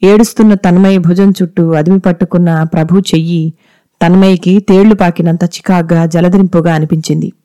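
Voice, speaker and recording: A woman narrating a scripted story in a steady, measured way. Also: on the low side, no echo.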